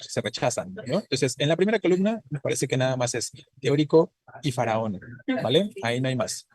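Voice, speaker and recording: In this online lecture, a male Spanish teacher with a mid-range voice walks his class through grammar. The recording has no room sound, and his patient explanations are dotted with brief tag questions aimed at the students.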